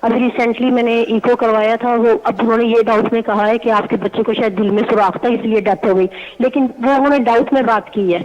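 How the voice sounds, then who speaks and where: پاکستان سے ایک خاتون کالر، دھیمی آواز میں پریشانی سے اپنا مسئلہ دہراتی ہے۔. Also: female voice, on the high side, fairly even intonation, hardly any pauses. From Pakistan. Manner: soft-spoken, worried, repeats herself. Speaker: caller. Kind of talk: phone call to a show. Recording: dull phone line played in reverberant studio.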